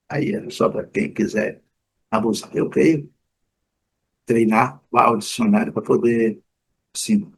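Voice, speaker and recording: A man from Brazil giving a casual, unscripted pronunciation lesson, full of fillers and restarts, repeating example words slowly. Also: medium pitch, husky, poor audio. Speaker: English teacher.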